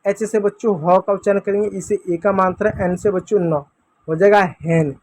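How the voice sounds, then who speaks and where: A man's voice: high voice, steady tone, moderate pace, a little mellow, a little hiss or hum. A man teaching children phonics in a patient, repetitive classroom style. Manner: patient, repetitive drilling, often addresses the kids as "बच्चों". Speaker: English teacher.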